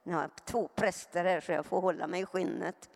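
A woman's voice: on the low side, steady tone, vocal fry, a little mellow. A woman giving an earnest personal testimony to a live audience, often turning to them with direct questions. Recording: long hall reverb.

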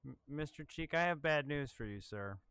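A man's voice: fairly high pitch, animated, normal speed, fairly bright tone, clear, resonant tone, no echo, clean studio sound. A man co-hosting a podcast in casual banter, joking and acting out quoted exchanges in his stories.

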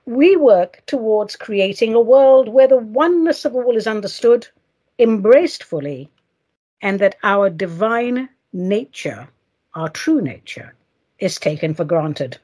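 A woman's voice: medium pitch, lively intonation, unhurried, dark tone, slightly rough. A woman hosting a solo show in a playful, theatrical way, addressing listeners fondly. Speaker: show host.

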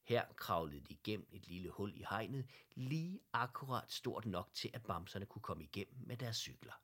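A man reading a children's story aloud, gently and slowly, sometimes dropping to a whisper. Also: on the low side, very animated, breathy edge. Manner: gentle, slow, slips into whispers.

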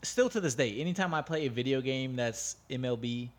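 A man's voice: medium pitch, lively intonation, a little fast. An American man co-hosting a podcast, opinionated and blunt, swearing freely in casual banter. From United States. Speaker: podcast co-host.

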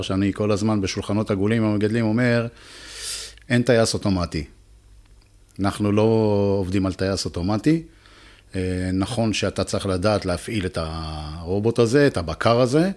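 Low-voiced male adviser to growers, emphatic and practical. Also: darkish tone. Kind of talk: interview talk.

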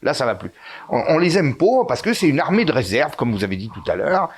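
An Italian man, appearing as a guest in a political interview, speaks in a mid-range voice with big pitch swings and a breathy edge. His delivery is brisk yet hesitant, full of fillers and restarts, and he leans hard on key words with emphatic rises.

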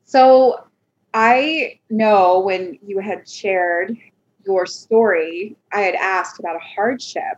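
A woman hosting a podcast interview, asking questions in a gentle, hesitant way with frequent filler words. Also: mid-range voice, takes it slowly, slight background noise. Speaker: podcast host. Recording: dull lo-fi recording.

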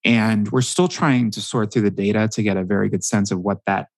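A man with a somewhat low voice talks as a guest expert on a podcast. He tells his points as animated stories and fills his pauses with frequent ums. The recording is dry and close, with almost no room sound. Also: no room sound. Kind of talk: podcast interview.

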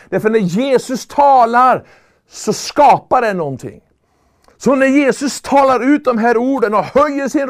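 High-voiced man preaching earnestly. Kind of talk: sermon.

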